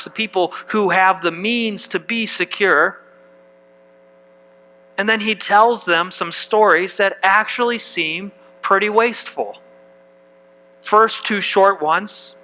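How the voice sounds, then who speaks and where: A man's voice: sits high, bright, forceful tone, poor audio. A man preaching a sermon as pastor, reading scripture aloud and putting questions to the congregation.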